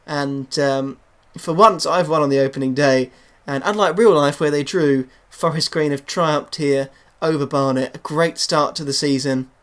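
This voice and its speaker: A man commentating over his own football video game, calm and low between plays and bursting into loud excitement at goals. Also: normal speed, few pauses. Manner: excitable, shouts goals then drops to a low murmur. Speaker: gaming YouTuber.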